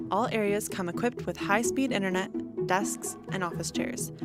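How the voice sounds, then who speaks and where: A woman reads a promotional script in an upbeat, even manner. Loud background music plays under her voice throughout. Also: medium pitch. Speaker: promo narrator. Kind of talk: scripted narration.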